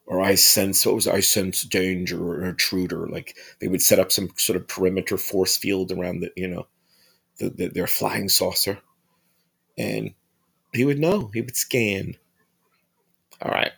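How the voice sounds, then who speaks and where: Brief: low, husky male podcast host, relaxed casual chat. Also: moderate pace, pauses often. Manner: chatty and self-mocking.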